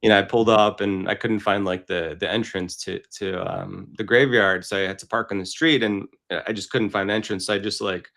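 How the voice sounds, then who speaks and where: Man from Brooklyn, lowish pitch, heavy vocal fry, podcast guest, conversational, earnest. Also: steady tone, fairly quick, few pauses, fairly bright tone. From Brooklyn, New York. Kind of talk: casual conversation.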